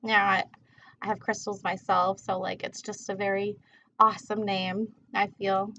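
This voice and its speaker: A woman's voice: medium pitch, flat delivery, moderate pace, bright, forceful tone, a little hiss or hum. A woman with a mid-range voice chats casually to her livestream viewers while smoking. Her delivery is laid-back and rambling, full of loose, slangy asides. The audio is dull and lo-fi. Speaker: tarot reader hosting a livestream.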